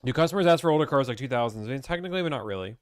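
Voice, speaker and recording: A man's voice: mid-range voice, animated, rapid-fire, clear, resonant tone, no echo, studio quality. A young man from Pittsburgh, chatting casually as he reads and answers viewer questions about car buying on a live stream.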